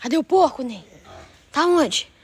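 Chatty high-voiced woman on a farm. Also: animated, unhurried, slight background noise. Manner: chatty, coaxing animals with repeated calls. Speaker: vlogger. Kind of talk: casual farm vlog. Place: outdoors on a farm.

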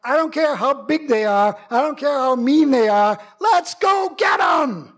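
A pastor acting out a bold male Israelite scout who urgently pushes his people to fight, his voice rising to a shout. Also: very high voice, very animated, unhurried, voice pushed up, full character voice. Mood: exasperated.

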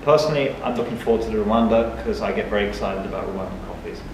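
Background music plays in a small, dim cafe where a young man with a fairly low voice talks fast, enthusiastically thinking aloud as he hosts a casual coffee tasting and review show. A far camera mic gives a roomy, distant sound with a little hiss or hum.

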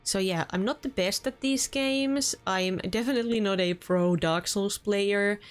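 Her mid-range voice unhurried, a young Finnish-accented woman winds down a let's play session from home. She offers casual commentary on the game, earnest and chatty, occasionally restarting a phrase.

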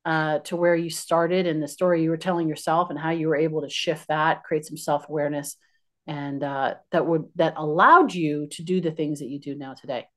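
Low-voiced woman host, thoughtful and halting. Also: fairly even intonation. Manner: thoughtful, halting, restarts phrases. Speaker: podcast host. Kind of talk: interview question. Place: home office with bookshelves, video call.

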